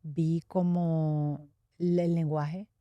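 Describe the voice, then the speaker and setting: A woman's voice: low voice, little pitch movement, drawn-out words, warm tone, no echo, muffled recording. A middle-aged Puerto Rican woman with a Puerto Rican accent, telling her life story in a candid, reflective way during an interview. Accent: Puerto Rican Spanish. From Puerto Rico. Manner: candid, reflective, laughs now and then. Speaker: interview guest. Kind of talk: personal testimony in conversation.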